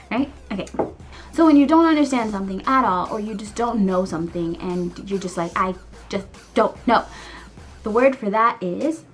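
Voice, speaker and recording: A woman teaching everyday phrases in a casual vlog, animated and acting out little scenes with frequent laughs. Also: medium pitch, normal speed, faint music behind. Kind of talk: casual language lesson vlog. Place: living in Korea.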